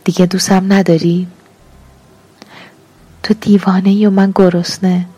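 A woman narrator voicing a hungry, jealous young woman who demands her lover's attention, in a low, husky voice. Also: little pitch movement, mellow, no echo, soft background music. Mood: angry. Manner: pleading then accusing, emotional.

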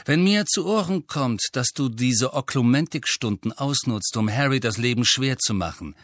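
A man's voice: mid-range voice, animated, moderate pace, no echo, natural voice. Male reader doing a combative, hot-headed man, audiobook, dry booth. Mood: angry. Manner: loud, aggressive and heated. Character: hot-tempered defiant grown man. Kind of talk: audiobook character voice.

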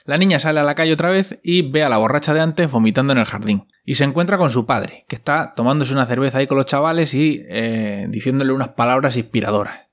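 A young man, recapping a series casually with wry, ironic asides. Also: mid-range voice. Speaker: host.

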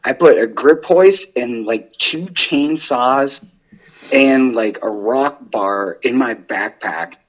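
A husky young man talking as a podcast guest, his voice a bit breathy and rough. He rambles loosely, peppering his sentences with "like" and restarts. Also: medium pitch, highs cut off. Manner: rambling, full of "like". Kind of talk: casual interview chat.

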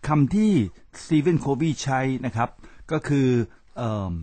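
A middle-aged man hosts a spoken talk show, lecturing his listeners in a preachy tone and speaking to them directly again and again. His voice is dark and a little husky, a touch higher than most men's. It is recorded close and dry with no room sound. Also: slow, no room sound. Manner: preachy, repeats address to listeners, spells out English terms. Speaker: podcast host.

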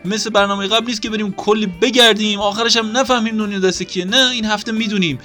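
A man hosting a casual comedy podcast, talking in excitable, exasperated banter. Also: high voice, faint music behind. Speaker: podcast host.

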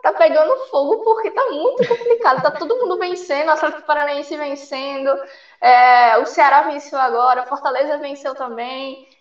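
Woman caller, high voice, anxious rambling chat, echoey muffled line. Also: moderate pace. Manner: rambling, anxious, filler-heavy. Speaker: fan calling in to a sports show. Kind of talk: casual call-in chat.

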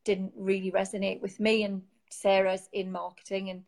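Her voice is medium-pitched, creaky and darkish, with little pitch movement and normal speed. A Geordie from Newcastle, England, she's the founder of an online support group, appearing as a guest on a live interview from her home sofa via phone, talking casually and rambling with lots of fillers and restarts.

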